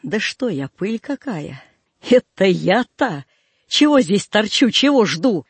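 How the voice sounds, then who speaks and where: A fierce young woman bursts out in scorn and defiance, as a man reads her part. The voice sits high and a little husky, and the recording is close and dry with no room sound. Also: expressive, a little slow, no room sound. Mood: defiant scorn. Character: fierce proud young woman, wild and imperious.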